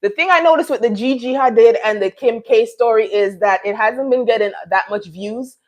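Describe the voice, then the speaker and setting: Talking at a normal speed in a voice on the high side, a middle-aged Jamaican live stream host chats casually with her viewers. She rambles, uses plenty of fillers, and often starts sentences over.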